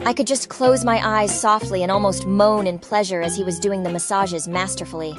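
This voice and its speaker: In a mid-range voice at a moderate pace, a female audiobook narrator expressively tells a first-person romance story, moving freely between Tagalog and English phrases over underlying music.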